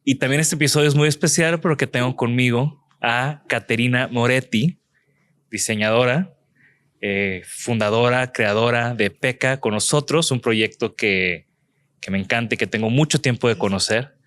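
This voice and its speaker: A man hosting a podcast interview, talking in a relaxed, rambling way with frequent restarts. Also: medium pitch, normal speed. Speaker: podcast host. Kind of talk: casual interview chat. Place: museum house-studio.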